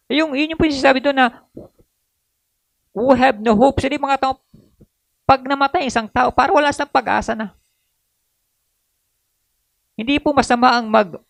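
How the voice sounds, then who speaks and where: A man preaching a sermon, mixing in English, reading verses slowly and adding frequent tag questions and hesitations. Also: sits high, creaky, no room sound. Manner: switches between Tagalog and English, reads Bible verses slowly. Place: church.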